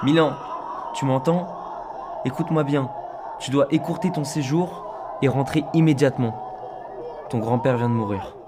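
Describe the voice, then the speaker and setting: A man's voice: medium pitch, moderate pace, pauses often, a crowd in the background. A father on a payphone call. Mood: urgent. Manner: urgent, raised voice over the noise. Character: father calling his son from a street payphone. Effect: payphone call from a noisy street. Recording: payphone call with loud street noise. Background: loud street ambience.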